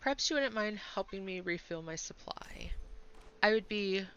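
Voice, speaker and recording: A woman's voice: medium pitch, animated, moderate pace, a bit bright, dull audio, slight background noise. A woman reading aloud the lines of a stern solitary male hunter who guards the woods, in a dry, curt delivery close to her own voice.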